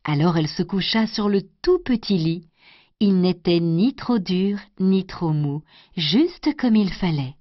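A woman storyteller doing an expressive scripted storybook narration. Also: lowish voice, a little slow, no room sound. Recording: dry, dull lo-fi recording.

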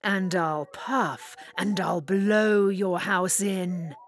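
A woman voicing a big, greedy male wolf in a children's story, talking with slow growling menace. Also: mid-range voice, steady tone, faint music behind, voice pushed down. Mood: menacing.

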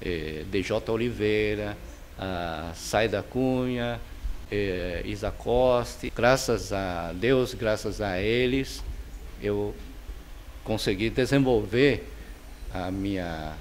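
Speaking with a Chinese accent, a middle-aged man from China gives relaxed interview answers about his painting, full of fillers and restarts. His fairly low voice moves slowly, captured on a handheld mic in his home studio with slight background noise.

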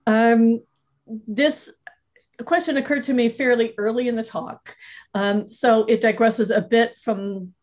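A woman moderating a meetup Q&A over a video call, asking a long question in a halting, hesitant way. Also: a little high, fairly even intonation, a little mellow. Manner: halting, many fillers and restarts.

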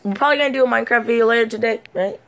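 Filming himself on a phone held at arm's length in a messy bedroom, this teen vlogger talks very fast in an extremely high, fairly bright voice. His casual chatter is playful and meandering, dotted with hummed fillers.

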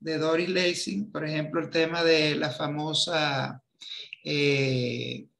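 A man in his fifties leads a film discussion over a webcam. His voice is gravelly and a little high for a man, and he talks very slowly, pausing often to find the next word. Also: little pitch movement, fairly bright tone. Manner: slow, hesitant, searching for words. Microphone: video call webcam.

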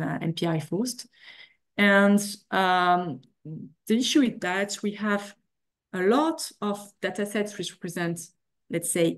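A middle-aged woman giving an academic keynote over a video call, halting often with fillers and restarts. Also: on the low side. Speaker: keynote speaker. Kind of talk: academic lecture. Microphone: video call webcam.

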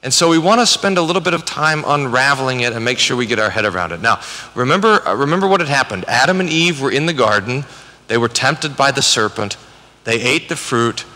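A man's voice: mid-range voice, animated, brisk, bright, forceful tone. A man giving a conversational Bible lecture at a conference, often restarting his sentences and acting out the quoted lines. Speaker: conference speaker, Bible teacher. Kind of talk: lecture-style sermon. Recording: reverberant hall.

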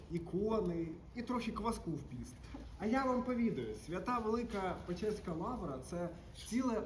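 A man's voice: high voice, darkish tone, roomy sound, a little hiss or hum, rough recording. A man playing a lecturing monk steward in a historical stage performance. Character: monk steward of the monastery estates. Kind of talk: historical theatre acting.

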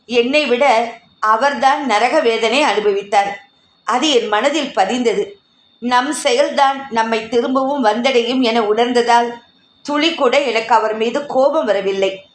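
A woman voicing Kamakshi, a calm and cheerful older grandmother who speaks in a gentle, matter-of-fact way, in an audio story. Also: fairly high pitch, slow. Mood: reflective. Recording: echoey room.

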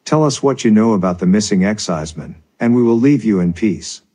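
A stern male bailiff with a formal, menacing manner, as a storyteller puts him on. His voice sits low and has a husky edge. This is a storybook reading. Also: lively intonation, a little fast, mellow.

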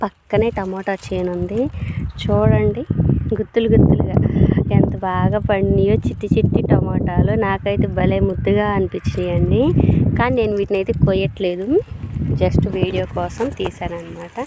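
A woman's voice: mid-range voice, fairly even intonation, normal speed. A woman vlogging on her farm, chatting straight to her viewers as she walks the fields. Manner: chatty, addresses viewers directly. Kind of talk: casual vlog narration. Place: outdoors on a farm field by a well. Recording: clear outdoor noise.

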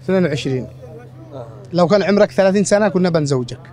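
Brisk, high-voiced Yemeni street host. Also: male voice, lively intonation, crowd noise. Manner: brisk, teasing, echoes guests' words. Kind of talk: street game show interviews. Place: outdoors on a town street.

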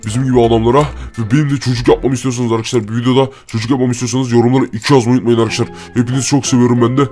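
Man voicing a fast-talking green brute superhero. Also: medium pitch, flat delivery, warm tone, close to an everyday voice. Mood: friendly. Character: green brute superhero, friendly and plain-spoken.

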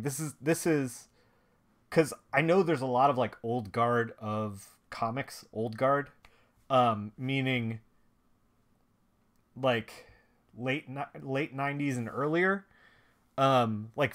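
A man's voice: mid-range voice, slow, fairly bright tone. A man hosting a live stream, chatting casually in a rambling way with many restarts and filler words. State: watery eyes, sniffly. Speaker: streamer and comic colorist host.

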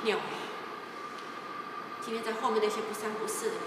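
An actress playing a middle-aged grieving mother who speaks in a measured, restrained and firm way as she demands the truth. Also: medium pitch, fairly even intonation, heavy background noise, lightly acted. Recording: loud background score.

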